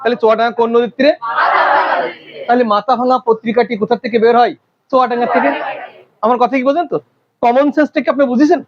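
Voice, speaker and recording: High-voiced man lecturing a class. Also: steady tone, muffled recording, noisy background. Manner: quizzing the class with rapid questions. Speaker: teacher.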